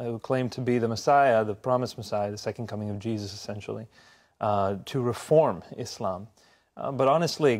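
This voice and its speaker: A man's voice: mid-range voice, a little mellow. A young man from the United States, a guest in an interview, earnestly explaining his personal testimony.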